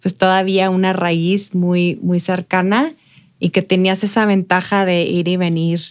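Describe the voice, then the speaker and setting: A woman's voice: fairly low pitch, little pitch movement, normal speed, smooth. A woman hosting an interview, often echoing and affirming what her guest says before asking the next question. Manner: warm, affirming, rephrases and encourages the guest. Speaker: interview host. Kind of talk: casual conversational interview.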